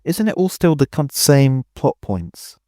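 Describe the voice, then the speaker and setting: A man on a film podcast, asking quick questions in casual chat. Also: medium pitch, sing-song, dark tone, dry recording, clean studio sound. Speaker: podcast co-host.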